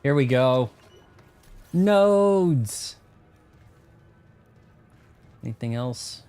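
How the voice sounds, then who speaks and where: A man giving casual, slangy commentary as he plays a game, rambling and thinking out loud. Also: mid-range voice, moderate pace, soft background music. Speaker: video game streamer. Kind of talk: casual first-playthrough commentary.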